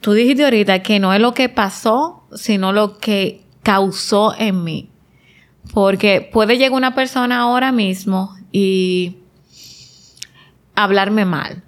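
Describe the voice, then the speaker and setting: A woman's voice: medium pitch, slow. A woman guest on a podcast interview, talking earnestly and reflectively, driving points home with repeated short phrases.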